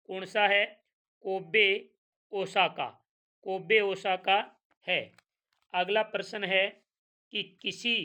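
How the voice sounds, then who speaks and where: A woman's voice: medium pitch, bright, forceful tone. A woman teacher with a Hindi accent going through exam revision questions, asking each answer back and repeating it.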